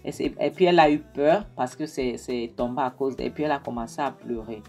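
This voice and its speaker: A woman's voice: rumbling low, brisk, mellow, faint music behind. A woman casually recapping a TV series for her viewers. She retells the scenes chattily and quotes the characters with affectionate asides. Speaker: video reviewer recapping a TV series.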